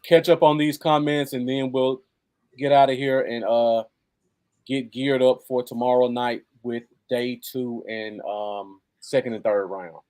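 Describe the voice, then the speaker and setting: A man's voice: mid-range voice, steady tone, unhurried, a little mellow. American man co-hosting a casual sports stream. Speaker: co-host of a football fan livestream. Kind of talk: casual live sports chat.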